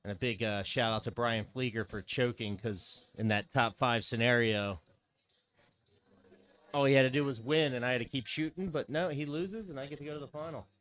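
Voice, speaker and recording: A man's voice: medium pitch, brisk, fairly bright tone. A man giving casual, teasing live commentary on darts in colloquial, conversational language.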